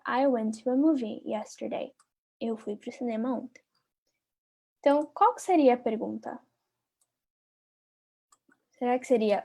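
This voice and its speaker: A woman with a Brazilian Portuguese accent teaching a live online English lesson. She repeats each word slowly and talks directly to her viewers. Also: on the high side, dark tone. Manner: patient, drills words by repeating them slowly, chatty asides to viewers.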